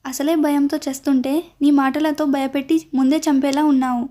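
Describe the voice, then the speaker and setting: A timid, innocent young queen who pleads out of fear, voiced by a woman narrator. The voice is high and moves in a narrow, even band. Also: normal speed, close to an everyday voice. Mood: frightened. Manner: fearful, pleading. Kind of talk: storytelling narration.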